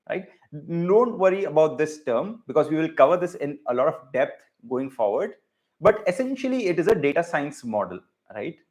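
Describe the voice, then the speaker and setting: A man speaks with a polished, educated Indian accent in a voice pitched a little higher than average. He teaches in an informal, explanatory lecture style, often adding short tag questions to check that the listener follows. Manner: explanatory, checks in with frequent "right?". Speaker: data science teacher.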